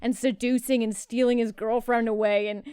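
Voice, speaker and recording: Bright-voiced woman podcast co-host. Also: a little high, moderate pace, clear, resonant tone, dry recording, clean studio sound. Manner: animated, laughing, swears casually. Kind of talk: casual chat.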